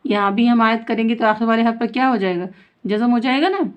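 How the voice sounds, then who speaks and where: In a fairly high voice, a female teacher leads a Quran recitation class. Her recitation is slow and elongated, while her explanations of the rules come quickly, with her answering the questions she poses.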